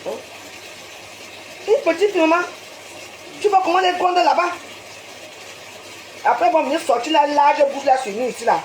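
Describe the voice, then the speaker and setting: A woman's voice: high-pitched, normal speed, long pauses. A woman with a Cameroonian French accent ranting on a live stream, lecturing her viewers with rhetorical questions and a tagged "hein?". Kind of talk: scolding live-stream rant. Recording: roomy echo, faint noise.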